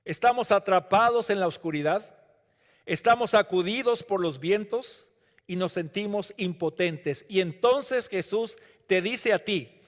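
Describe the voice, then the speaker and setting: High-voiced preaching man in a reverberant hall. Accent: Latin American Spanish. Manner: swings between hushed, drawn-out lines and rising, emphatic calls. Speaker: pastor. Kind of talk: sermon. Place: church sanctuary.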